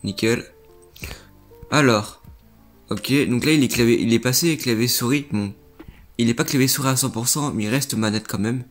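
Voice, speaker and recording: A man's voice: medium pitch, normal speed, pauses often, faint music behind. Rambling casual young gaming vlogger man. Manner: rambling, repeats himself, filler-heavy. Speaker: gaming YouTuber reviewing viewer clips. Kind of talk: casual reaction commentary.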